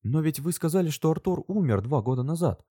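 A man voicing an emotional, tearful elderly woman in a read-aloud story, pitched well above his own voice and drawn out. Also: lively intonation, brisk, dark tone, no echo, clean studio sound. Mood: bewildered.

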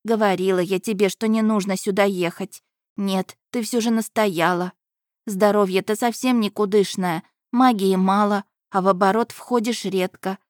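A woman's voice: medium pitch, steady tone, moderate pace, no echo, clean studio sound, lightly acted. A woman voicing a doting, stout old nanny who fusses and laments over her charge. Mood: fussing. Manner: lamenting, fussing.

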